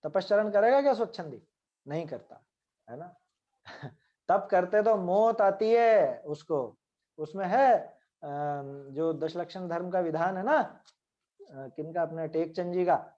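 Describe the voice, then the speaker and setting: A man's voice: sits high, slow, mellow. Give me a male scripture teacher, muffled lo-fi sound. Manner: explanatory, checks in with listeners by asking "है ना?". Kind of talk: religious scripture lecture.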